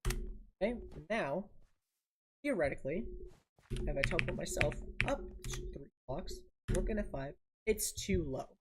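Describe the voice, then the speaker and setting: A woman's voice: on the low side, expressive, unhurried, pauses often, very noisy. A woman streaming a building game, casually thinking aloud and muttering each step to herself. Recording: audible keyboard typing and clicks.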